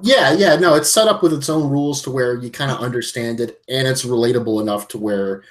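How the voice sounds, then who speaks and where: A man's voice: medium pitch, brisk. Rambling man in casual podcast chat. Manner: rambling, circling back mid-sentence. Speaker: podcast co-host. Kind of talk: casual chat recapping a film.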